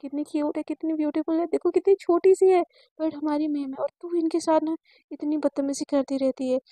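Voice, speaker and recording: A woman's voice: high-pitched, fairly even intonation, brisk, warm tone, no room sound, close to an everyday voice. Woman voicing a cheeky, teasing student girl.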